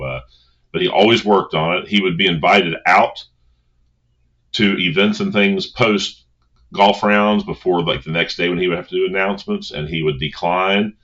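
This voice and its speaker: Deep-voiced man giving an informal motivational talk. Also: fairly bright tone, dull audio. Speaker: motivational coach.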